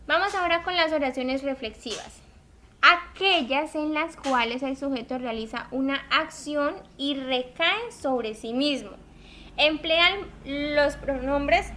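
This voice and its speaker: Woman teacher, high and bright, patient with everyday examples. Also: a little hiss or hum. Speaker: Spanish teacher. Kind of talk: classroom grammar lesson.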